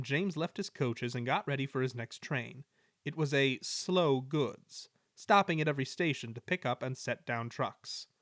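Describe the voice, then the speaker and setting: A man giving an expressive reading of a children's story. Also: medium pitch, no room sound, clean studio sound. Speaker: storybook reader. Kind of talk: scripted narration of a children's story.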